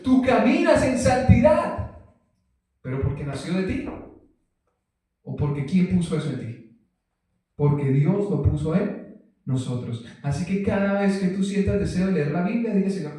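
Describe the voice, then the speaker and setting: Male preacher, high but mellow voice, emphatic rhetorical style, heard from a distance in an echoey room. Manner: emphatic, rhetorical questions answered himself. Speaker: preacher teaching a Bible study. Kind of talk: sermon.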